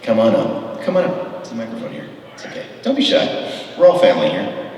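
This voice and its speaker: This middle-aged panel guest has a medium-pitched, darkish voice that swoops wildly and moves a little fast, and the recording is muffled. He rambles through enthusiastic stories with many fillers during a convention Q&A, captured from afar in an echoey, large hall.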